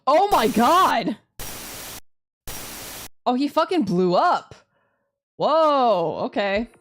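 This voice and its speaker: A woman streams a game with background music playing, reading visual novel text aloud in a fairly high, bright voice. She speaks very slowly with big swings in pitch, tossing in casual, sweary commentary along the way.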